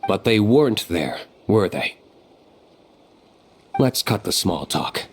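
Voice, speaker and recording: A man's voice: on the low side, big pitch swings, slow pace, a little hiss or hum, full character voice. An actor playing a reserved, stern young nobleman in a fantasy game, speaking formally and coolly. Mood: curt, guarded. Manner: formal, clipped, aloof. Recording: faint music behind the voice.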